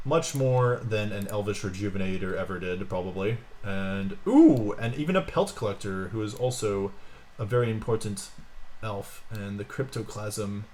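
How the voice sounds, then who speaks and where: Chatty man opening card packs. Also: fairly low pitch. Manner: excitable, chatty, jokey asides. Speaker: pack-opening streamer. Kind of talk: casual card-opening commentary.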